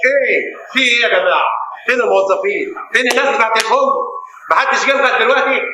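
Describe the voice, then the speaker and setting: A high-voiced man with an Egyptian accent, rattling off blustering lines as a hotel manager in a stage comedy. He sounds distant and echoey, with clear noise around him. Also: very fast. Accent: Egyptian Arabic. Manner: blustering, shouting comic delivery. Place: theater stage. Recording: echoey stage audio from far off with loud noise.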